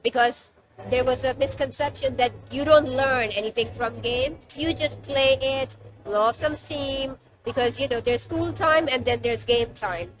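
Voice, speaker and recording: A woman's voice: high voice, unhurried, soft background music, poor audio. A woman interviewing a guest, asking curious questions with eager reactions. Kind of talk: casual interview.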